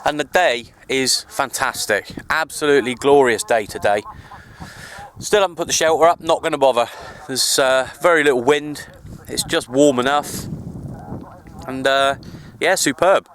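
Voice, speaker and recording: An amateur CB radio hobbyist vlogger rambles casually and easygoingly for an outdoor hobby vlog shot on a handheld camera in the countryside. His mid-range voice is a bit bright and moves at normal speed.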